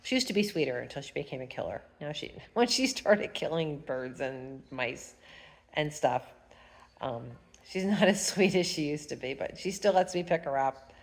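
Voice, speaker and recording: A fiber arts vlogger with a stuffy nose chats at home about her knitting in a casual tutorial, rambling and humming as she works. Her low-pitched voice is animated and moves at a normal speed.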